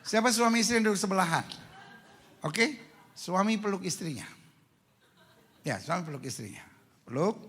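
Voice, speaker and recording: Gravelly, bright-voiced joking preacher man. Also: sits high, animated, normal speed, pauses often, slight background noise. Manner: joking, teasing the congregation, colloquial Jakarta slang. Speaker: pastor. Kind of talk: humorous sermon. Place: large church hall with congregation. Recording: long church hall reverb.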